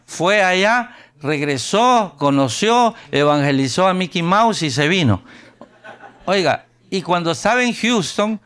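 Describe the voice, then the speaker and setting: A man's voice: high voice, unhurried, clear, resonant tone. A man from Honduras with a Honduran Spanish accent, preaching a storytelling sermon at a youth camp and acting out the people he quotes. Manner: animated, acts out quoted voices.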